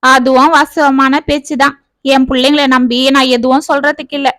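A woman's voice: sits high, little pitch movement, normal speed, fairly bright tone, no echo. A woman voicing a weary shopkeeper father. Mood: resigned. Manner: grumbling, resigned. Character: middle-aged shopkeeper father, weary and resigned. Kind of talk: storybook reading.

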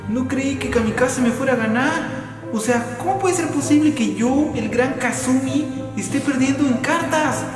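A man's voice: extremely high pitch, recorded from a distance. A young man with a Mexican accent playing a melodramatic, cocky gambler in an amateur comedy sketch. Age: young adult. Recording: echoey room, loud music behind.

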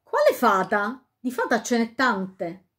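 A woman voicing a grumpy hunchbacked fairy behind a cave door, slow and loud. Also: fairly high pitch, huge pitch swings, pitched above the performer's own voice, heavily acted. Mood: cross.

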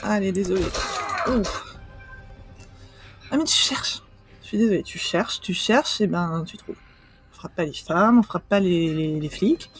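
A woman casually commenting on a game as she plays, excitable and swearing in her reactions. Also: fairly low pitch, unhurried, long pauses, soft background music. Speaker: streamer. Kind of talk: casual let's play commentary. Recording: game sound echoing behind.

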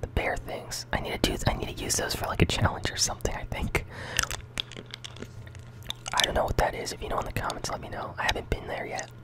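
Asmr gamer whispering play by play commentary, all hushed and breath only. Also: fairly quick, rough recording. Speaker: gaming channel host.

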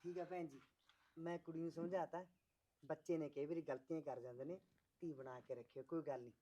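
A man's voice: fairly high pitch, fairly even intonation, brisk, mellow, close to an everyday voice. An actor playing a patient middle-aged father who soothes and coaxes his married daughter to stay with her in-laws. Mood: coaxing. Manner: soothing, coaxing.

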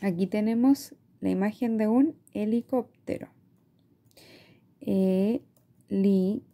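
Speaking with a Chilean Spanish accent, a woman teacher slowly and patiently explains a reading lesson to parents. Her voice is on the high side, creaky and dark in tone. She stretches out her words and often checks in by asking "¿ya?"

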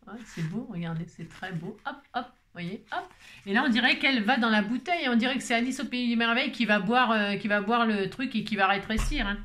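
A woman's voice: fairly high pitch, fairly quick, a bit bright. A woman hosting a craft tutorial, chatting and rambling with self-mocking asides as she works, feeling unwell. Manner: rambling, self-mocking, talks to viewers while working. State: unwell with migraine.

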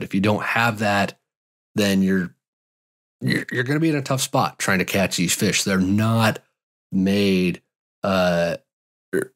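This thirtysomething podcast host, who also guides fly fishing trips, takes listener questions alone in a home studio stocked with gear shelves. His voice is on the low side and slightly raspy from a cold, and his relaxed, rambling answers are full of uh's and restarts. He uses a large studio mic and wears headphones.

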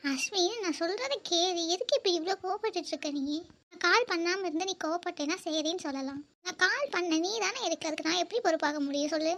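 Cartoon lead: a woman voicing an earnest young woman in love, very high and squeaky, fast-talking and emotional. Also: fairly bright tone. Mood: defensive. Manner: emotional, pleading. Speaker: narrator and lead character. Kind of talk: cartoon voice acting.

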